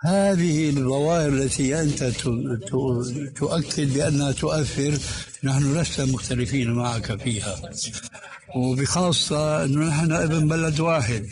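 A man as a religious scholar in a recorded discussion, answering a questioner point by point in a measured, corrective way. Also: medium pitch, a crowd in the background. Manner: measured, corrective, asks to take points one at a time. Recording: hissy old cassette tape recording.

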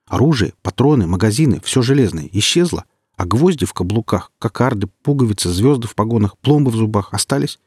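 A man narrating voices a cynical, gruff veteran male stalker in a curt manner. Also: fairly low pitch, expressive, brisk, a little mellow, dry recording, clean studio sound.

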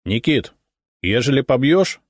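A man's voice: mid-range voice, big pitch swings, measured pace, no echo, studio quality, pitched above the performer's own voice. A man playing a blustering Cossack commander. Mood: brash. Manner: brash, rustic Cossack speech. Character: boastful doubting male Cossack commander, blustering.

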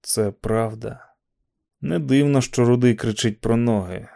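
Gravelly, mellow-voiced male audiobook narrator. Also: medium pitch, a little slow. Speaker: audiobook reader.

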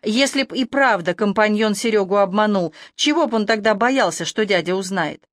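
A cool-headed young woman doubts and coaxes in an even voice, read by a woman narrator. The sound is dry and close, with no room around it. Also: medium pitch, moderate pace, dry recording, close to an everyday voice. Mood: skeptical. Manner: skeptical, coaxing.

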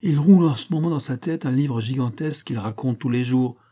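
A man reading as a painter giving calm, confiding advice. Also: mid-range voice, a little fast, pitched above the performer's own voice, natural voice. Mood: amused. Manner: confiding, gently advising. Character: Parisian painter, older friend, measured and warm.

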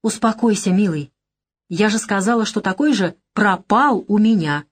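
A woman's voice: mid-range voice, normal speed, breathy edge, pitched above the performer's own voice, lightly acted. A woman reading an audiobook, voicing a sly, teasing young woman who is a gangster's girlfriend. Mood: coaxing.

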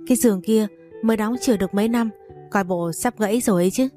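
A woman's voice: medium pitch, quick pace, warm tone, soft background music, close to an everyday voice. A woman voicing a mocking old father-in-law who speaks with sarcasm in a storybook reading.

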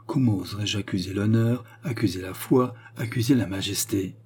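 A man's voice: fairly low pitch, normal speed, mellow, breathy edge. A man reading a furious young nobleman. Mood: brooding. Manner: intense, accusing, barely restrained. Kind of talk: audiobook character reading.

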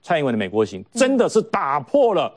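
A man's voice: fairly high pitch, wildly swooping pitch, fairly quick. A man giving mocking, emphatic political commentary on a talk show. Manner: mocking, emphatic, puts on quoted voices.

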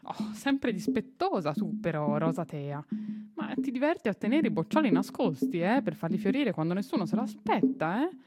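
A woman voicing an old male gardener who is gruff with people but chats and teases his flowers. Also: medium pitch, very animated, normal speed, a little mellow, soft background music. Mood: teasing. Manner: chatty and teasing with plants, brusque with people.

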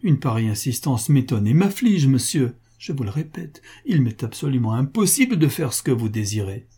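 A man's voice: mid-range voice, big pitch swings, normal speed, mellow, husky. A man voicing an honest male factory owner who refuses firmly but turns anxious and pleading. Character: upright male factory owner, frightened debtor.

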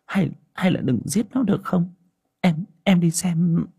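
A man voicing a timid young wife who pleads softly and stammers. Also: on the low side, measured pace, vocal fry, slightly rough, no room sound, clean studio sound, voice pushed up, full character voice. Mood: pleading. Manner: stammering, hesitant.

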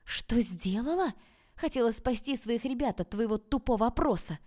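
A woman's voice: a little high, expressive, moderate pace, darkish tone, pitched above the performer's own voice, close to an everyday voice. A woman voicing a hot-tempered young female student in an audiobook, speaking sharply and indignantly. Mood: furious.

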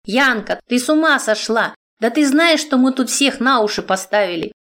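A woman reading an audiobook, voicing a bossy middle-aged godmother who scolds coarsely and loudly. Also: a little high, moderate pace, lightly acted. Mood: scolding.

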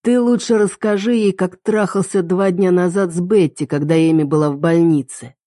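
A woman's voice: on the low side, fairly even intonation, normal speed, warm tone, no echo, studio quality, close to an everyday voice. A woman voicing a beaten, spiteful young man who mocks as he tells.

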